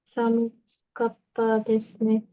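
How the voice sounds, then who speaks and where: Slow, hesitant high-voiced woman student. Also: monotone, dark tone, dull audio. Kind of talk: answering in an online class.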